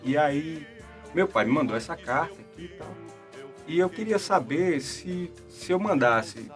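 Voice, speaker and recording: A man's voice: on the high side, expressive, unhurried, soft background music. Rambling man. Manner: rambling, full of fillers and repeated words. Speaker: debate show guest. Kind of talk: casual storytelling.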